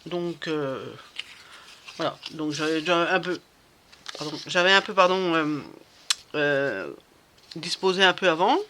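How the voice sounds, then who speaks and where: A woman talks her way through a crafting project in a loose, rambling vlog chat, stumbling over restarts and fillers. Her voice is bright and a little sharp, with a faint hiss in the background. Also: deep voice, measured pace, long pauses. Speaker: crafting vlogger. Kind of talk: casual chat while crafting.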